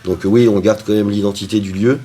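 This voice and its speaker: A man's voice: lowish voice, steady tone, quick pace, mellow, slight background noise. A man who owns and cooks at a restaurant, answering interview questions in a chatty way with frequent hesitations. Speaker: restaurant owner and cook.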